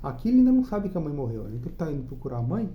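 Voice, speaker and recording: Speaking very fast and very animatedly in a voice on the high side, a Brazilian man with a Brazilian Portuguese accent reviews a comic book on his own channel. It's chatty and enthusiastic, full of tag questions to the listener. The highs are cut off, with slight background noise.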